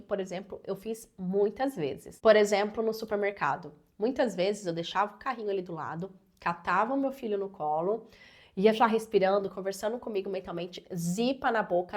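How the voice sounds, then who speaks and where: A woman in her thirties talking earnestly and personally as a parenting educator, with many casual fillers. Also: mid-range voice. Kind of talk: advice talk to camera.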